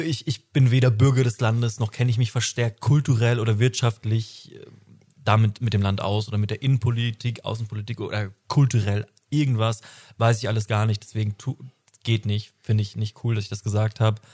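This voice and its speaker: Brisk and lowish, with a darkish tone and fairly even intonation, a twenty-something man co-hosts a podcast. His casual talk wanders, he keeps correcting himself, and laughter often breaks in.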